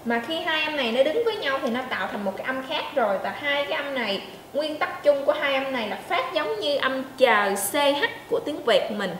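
A woman teaching pronunciation, demonstrating sounds slowly and checking in with her learners. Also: high voice, lively intonation, a bit bright, a little hiss or hum. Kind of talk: pronunciation lesson. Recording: echoey room with faint ambience.

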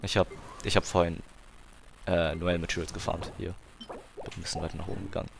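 A man's voice: deep voice, level tone, fairly quick, gravelly, background noise. Slangy young man arguing on stream. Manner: argumentative, slangy, talks over interruptions. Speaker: game streamer. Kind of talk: casual chat while gaming.

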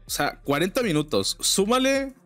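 A young man with a Mexican accent gives casual, slang-filled commentary over his own gameplay, breaking into sudden high exclamations and griping about teammates. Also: sing-song, moderate pace, fairly bright tone, soft background music. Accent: Mexican Spanish. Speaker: gaming streamer.

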